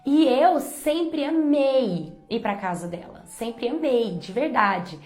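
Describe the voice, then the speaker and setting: A woman's voice: on the high side, lively intonation, slow pace, a little mellow, echoey room, soft background music. A woman telling a personal story in a chatty, confiding way, full of casual fillers.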